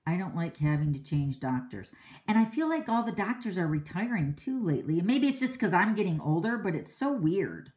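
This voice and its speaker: A woman's voice: on the low side, sing-song, brisk, darkish tone. Chatty, outspoken woman hosting a livestream. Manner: laughs often. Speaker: card-making livestream host. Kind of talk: casual live-stream chat.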